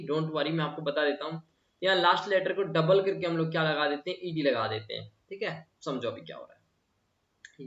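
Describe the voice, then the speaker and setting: A man's voice: a little high, a bit bright. A man teaches English grammar to a class. He repeats the words and keeps asking the students questions. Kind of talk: classroom lesson. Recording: echoey room, voice from a distance, dull sound.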